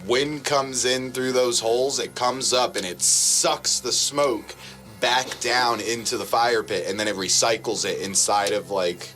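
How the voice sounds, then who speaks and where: A man co-hosting a casual chat show, rambling through explanations with relaxed swearing. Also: on the low side. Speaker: podcast co-host.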